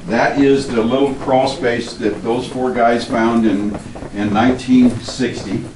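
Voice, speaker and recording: A man's voice: mid-range voice, steady tone, unhurried, noisy background. A man working as a cave tour guide, explaining things informally and conversationally to a small group. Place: inside a cavern. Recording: echoey cave, distant from the mic.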